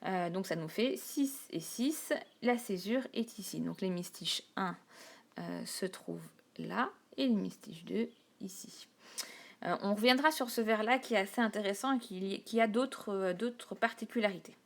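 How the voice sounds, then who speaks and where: Woman teacher, recorded tablet lesson, halting with many fillers, middle pitch. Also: gravelly. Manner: hesitant, many fillers, counts syllables slowly. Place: home desk, recorded on a tablet.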